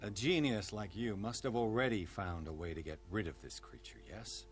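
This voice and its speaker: A man's voice: on the low side, lively intonation, moderate pace, close to an everyday voice. An actor playing a world-weary male investigator in a video game, terse, dry and sarcastic. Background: game music.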